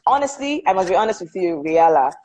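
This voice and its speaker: A Nigerian woman hosting a casual live-stream interview over a video call, chatty and slowing down as she reads out viewers' names. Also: fairly low pitch, big pitch swings, a little mellow, a little hiss or hum, poor audio. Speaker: host.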